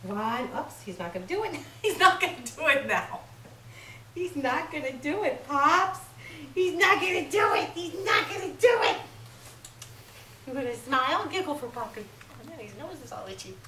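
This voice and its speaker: Cooing at her baby grandchild in a bedroom, the older woman chants playful baby talk in a high, expressive, pushed and bright voice at a moderate pace. The clip comes from a handheld home camera held by someone else, with slight background noise.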